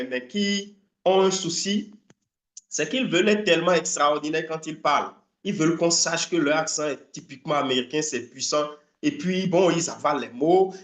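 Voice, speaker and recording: A man giving a live online English training talk, lively and emphatic, often stopping to hunt for a word. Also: fairly high pitch, reverberant. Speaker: English language coach.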